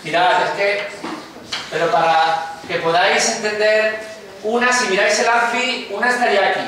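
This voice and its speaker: Fairly even in intonation and moderate in pace, this high-pitched man gives a phonology lecture in an Andalusian Spanish accent. He explains the material and often checks students' understanding with questions. The classroom is echoey with faint noise.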